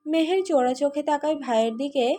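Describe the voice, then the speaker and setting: Female audiobook narrator for a romance serial, high-pitched and steady. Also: fast, soft background music. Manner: steady storytelling. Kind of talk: scripted narration.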